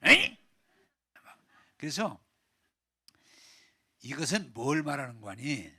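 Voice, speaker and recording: A male pastor preaching in a church sanctuary with a bright, lively, fairly high voice. He tells the story vividly and swings freely up and down in pitch. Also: normal speed. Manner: animated storytelling, acting out the characters. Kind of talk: sermon.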